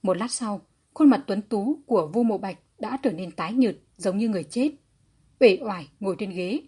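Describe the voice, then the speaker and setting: A woman narrating a historical fantasy audiobook in a steady, even storytelling manner. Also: medium pitch, moderate pace, breathy edge.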